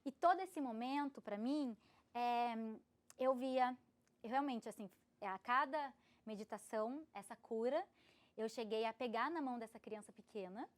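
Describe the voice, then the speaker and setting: High-voiced woman telling a heartfelt story. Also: measured pace. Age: 30s. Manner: animated, expressive, laughs often. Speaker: podcast guest, youtuber. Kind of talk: emotional personal storytelling in a conversation.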